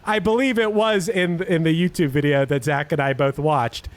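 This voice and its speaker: A man's voice: a little high, normal speed. A man hosting a casual music podcast, talking animatedly and laughing often. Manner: animated, laughing often, reads song lyrics aloud. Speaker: podcast host.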